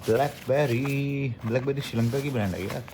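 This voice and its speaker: A man's voice: fairly low pitch, brisk, echoey room, distant mic, background noise. A young man chatting casually to his phone camera in a vlog, teasing and playful. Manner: playful, teasing, bursts of mock anger. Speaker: travel vlogger. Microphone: phone held in hand.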